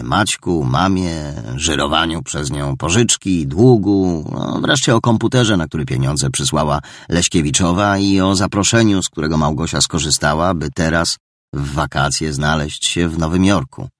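A man giving a steady, measured scripted narration of an audiobook. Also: low-pitched, no echo, clean studio sound.

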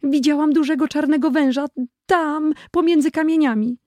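A reader voicing a frightened little girl in an audiobook, raising the voice high and anxious. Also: steady tone, moderate pace, darkish tone, no room sound, studio quality, lightly acted. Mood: shaken. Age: child.

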